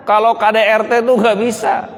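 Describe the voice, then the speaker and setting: A male speaker giving a lively, joking talk to an audience, asking rhetorical questions and answering them himself. His voice is high for a man. A long reverb trails behind him in a large hall. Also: fairly quick. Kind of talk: humorous public talk.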